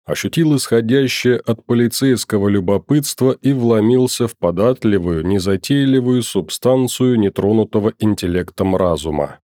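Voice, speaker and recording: A man reading an audiobook in an even, measured voice. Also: on the low side, dry recording, studio quality. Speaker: narrator.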